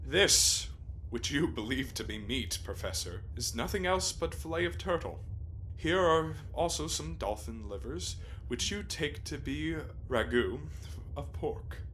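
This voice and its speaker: An actor playing a proud, courteous, impassioned sea captain in a theatrical radio play, speaking in a formal, declamatory way. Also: male voice, fairly high pitch, animated, a little slow, fairly bright tone, low-quality recording. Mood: proud, hospitable. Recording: clear background noise, live stage recording.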